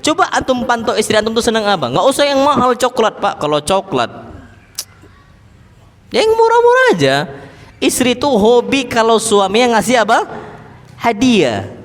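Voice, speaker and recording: High-voiced male preacher in echoey mosque. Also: moderate pace, pauses often. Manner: lively, humorous, asks the congregation rhetorical questions. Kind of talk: mosque sermon.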